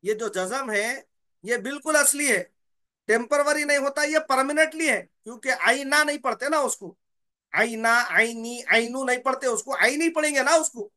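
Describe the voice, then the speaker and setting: A man's voice: very high voice, pushed and bright. A man teaching the rules of Quran recitation, repeating key terms and asking and answering his own questions. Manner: drawls out letter names slowly. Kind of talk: slow explanatory lesson.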